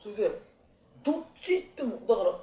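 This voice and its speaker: A man giving life advice to a small group in blunt, rough, colloquial talk. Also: sits high, very animated, quick pace, dark tone, reverberant, dull audio, a little hiss or hum.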